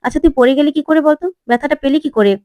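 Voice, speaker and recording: A woman's voice: high-pitched, rapid-fire, warm tone, dry recording, pitched above the performer's own voice, natural voice. A woman voicing an earnest young man. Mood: pressing.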